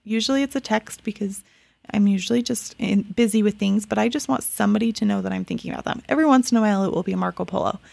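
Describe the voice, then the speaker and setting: A woman hosts her own podcast in an easy, upbeat, chatty way, doubling words when she wants to stress them. Her voice has a steady vocal fry running through it. The sound is close and dry, with no room around it. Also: medium pitch, quick pace, no room sound. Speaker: podcast host. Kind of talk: casual solo podcast talk.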